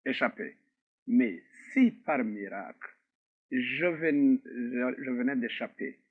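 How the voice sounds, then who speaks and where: A middle-aged man from Rwanda gives a slow, grave testimony as an interview guest, pausing often between phrases. His voice sits at an ordinary pitch. The sound is thin and phone-like, as if heard over a narrow line. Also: breathy edge. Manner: measured and grave, with frequent pauses. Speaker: interview guest, author and survivor. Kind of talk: slow, reflective personal testimony.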